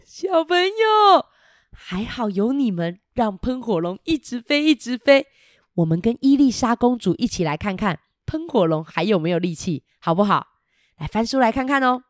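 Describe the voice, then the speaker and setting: Animated woman telling a picture-book story. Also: mid-range voice, normal speed, no echo, clean studio sound. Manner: animated, asks children questions, playful sound effects. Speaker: storyteller for children.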